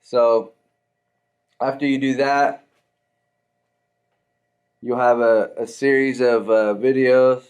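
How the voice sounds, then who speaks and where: A man who cuts hair walks through a casual tutorial one step at a time. He talks slowly and keeps checking in with a quick "right?". His voice sits at a middling pitch for a man. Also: level tone, darkish tone, smooth. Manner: walks through steps, tags lines with "right?". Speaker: barber.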